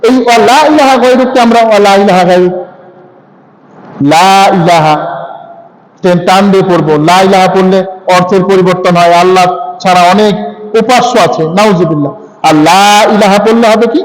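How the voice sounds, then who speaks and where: A man teaching how to say a prayer, explaining point by point and slowly chanting the prayer words for listeners to repeat. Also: high voice, poor audio. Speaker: religious teacher. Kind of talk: prayer recitation lesson.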